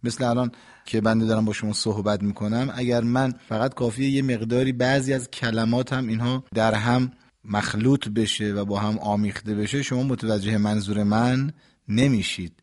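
A man hosting a religious radio program, explaining calmly and didactically how to recite the prayer clearly. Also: on the low side. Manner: calm, didactic, warm sign-offs. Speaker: radio host and religious expert.

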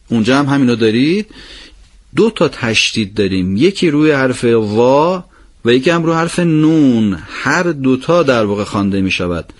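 A man teaching a recitation lesson. He explains each rule, asks questions and answers them himself, then recites the phrases slowly. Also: mid-range voice.

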